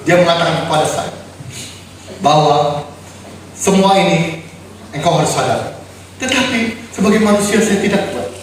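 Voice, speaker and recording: A man's voice: fairly high pitch, animated, normal speed, long pauses. A man preaching an emotional sermon, grieving and crying out in anguish as he testifies to his listeners. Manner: grieving, cries out and shouts in anguish; addresses listeners as brothers and sisters. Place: apartment worship room. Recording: very echoey room, distant mic, faint noise.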